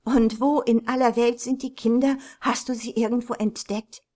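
A woman's voice: a little high, steady tone, moderate pace, a little mellow, voice pushed up, lightly acted. A woman reading aloud, voicing an anxious widowed mother in an old storybook, urgent and pleading. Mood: frantic.

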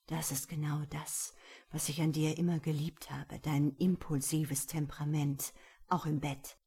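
A woman's voice: low-pitched, level tone, measured pace, warm tone, husky, exaggerated voice. A woman voicing a mysterious, seductive man who murmurs intimately to his lover. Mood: insistent.

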